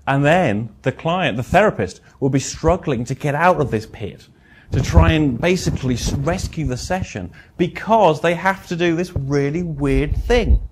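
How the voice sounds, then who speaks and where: A man's voice: moderate pace, a little hiss or hum. A middle-aged man giving a presentation as a therapist, a blunt, wry storyteller who swears and swings his voice up and down. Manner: animated, swinging pitch and loudness. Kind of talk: lecture with anecdotes.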